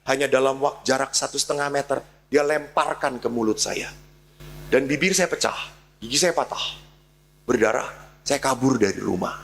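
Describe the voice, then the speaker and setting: Gravelly priest telling a story. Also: male voice, medium pitch, moderate pace, slight background noise. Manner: animated storyteller, acts out dialogue. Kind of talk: storytelling sermon.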